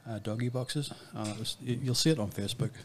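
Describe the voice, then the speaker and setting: A man's voice: mid-range voice, fast, slight background noise. A man co-hosting a podcast in an easygoing, matter-of-fact way. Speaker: podcast co-host. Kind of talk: casual chat.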